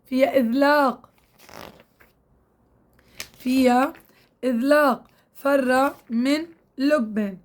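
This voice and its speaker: A high-pitched woman gives a recitation lesson. She speaks patiently and coaxingly to her women students. She stretches out drill syllables and repeats them slowly. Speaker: Quran recitation teacher. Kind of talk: tajweed lesson to women learners.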